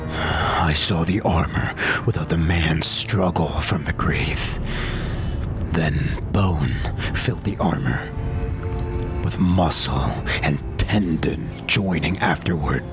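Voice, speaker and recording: A man's voice: a bass voice, takes it slowly, music in the background. A man acting a brooding, commanding fantasy general in a theatrical, hammy dramatic reading. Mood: ominous, brooding.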